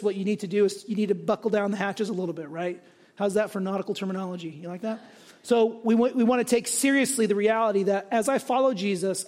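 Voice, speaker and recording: A man with a high, light voice preaches a sermon in church. His delivery is conversational, and he often asks his listeners a quick question to check they are following. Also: a little mellow. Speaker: pastor.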